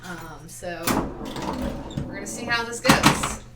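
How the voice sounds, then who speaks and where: A woman co-hosting a live stream in playful, jokey chat, her voice booming with a big room echo. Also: slow pace. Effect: booming roomy echo, as in a big hall. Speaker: stream co-host. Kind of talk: casual chat during a live pinball stream. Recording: echoey boomy room, distant mic, loud music.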